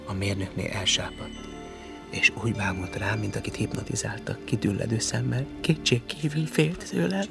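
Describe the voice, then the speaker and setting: A man's voice: lowish voice, gravelly, over music. A man reading a story aloud in a dramatic, theatrical way, dropping to whispers and rising to outbursts. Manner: theatrical, shifts between whispers and loud outbursts. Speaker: narrator.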